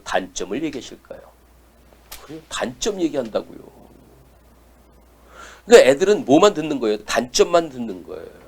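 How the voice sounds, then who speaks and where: A man lectures a room of parents in a lively voice, his pitch rising and falling widely. He keeps turning to his listeners with questions and waits for their answers. His voice sits in a middle register for a man. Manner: animated, asks the audience questions.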